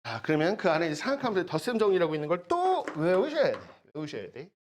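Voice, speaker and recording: An animated math teacher whose pitch swings widely while walking through formulas in a recorded lecture. The delivery is chatty and repetitive, with frequent checks like a quick "got it?" and playful side stories. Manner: chatty, repeats key words, jokey asides; asks learners to check understanding.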